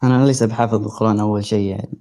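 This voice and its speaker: Man, caller, very fast speech, dark mellow tone, defensive. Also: on the low side, steady tone. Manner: speaks fast colloquial dialect, defensive and hesitant. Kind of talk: casual phone-in reply.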